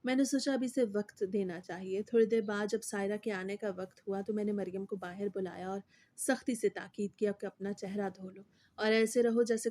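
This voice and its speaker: A woman storyteller giving steady, scripted narration of a moral story. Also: medium pitch.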